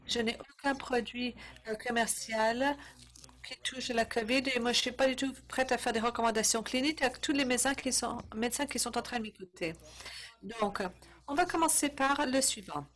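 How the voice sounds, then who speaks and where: A woman with a fairly high voice interprets a lecture webinar live. She keeps a steady flow, with brief hesitations and quick self-corrections.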